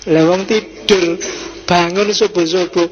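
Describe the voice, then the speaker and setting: A middle-aged man with a Javanese accent giving a relaxed, teasing philosophy lecture to a study circle in a mosque, slipping into Javanese asides. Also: high voice, slow. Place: mosque hall. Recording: dull echoey hall recording with faint hum.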